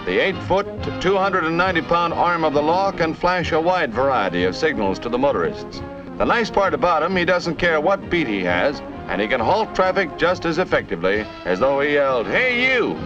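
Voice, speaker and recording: Over loud background music on a dull old newsreel soundtrack, an American announcer narrates 1950s footage with jaunty emphasis and puns. His fairly high voice has a sing-song lilt at a moderate pace.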